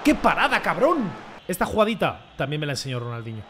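A young man commenting excitedly on his own football video game match, joking and shouting at big plays. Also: fairly high pitch, fast, background noise. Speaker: gaming streamer.

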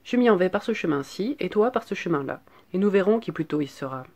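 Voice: mid-range voice, lively intonation, fast, darkish tone. A narrator putting on a sly hungry wolf. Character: big bad male wolf, sly and hungry. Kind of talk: fairy tale read aloud.

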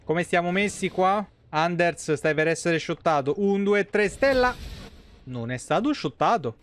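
With a high-sitting, expressive voice at a measured pace, an Italian livestreamer playfully narrates his game in slangy, casual terms and mock exclamations. He streams from a small indoor room.

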